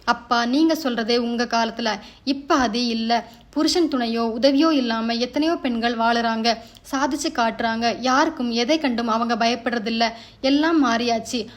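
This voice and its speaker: A woman's voice: a little high, moderate pace, lightly acted. A woman voicing a resolute, defiant young wife in a read-aloud story, speaking firmly.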